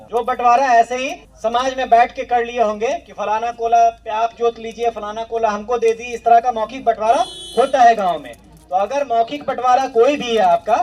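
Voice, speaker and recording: A man's voice: extremely high pitch, a little mellow, distant mic. A man, a land revenue official, explaining survey rules to villagers in a plain instructive way, repeating key points.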